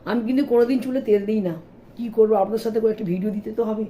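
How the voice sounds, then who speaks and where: A middle-aged woman with a hoarse, sore voice, chatting and complaining to viewers in a casual home vlog. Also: a little high, racing, dark tone, slight background noise. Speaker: vlogger. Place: home, indoors.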